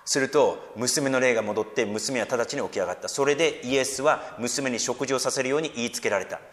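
A man preaching a sermon as pastor, lively and expressive, raising his voice when he quotes and slipping in gentle joking asides. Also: medium pitch, brisk. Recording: long hall reverb.

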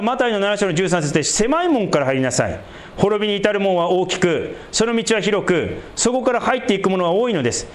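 A man preaching a sermon and leading a prayer, stressing key words by stretching them out slowly and dropping low and quiet at the ends of phrases. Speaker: pastor.

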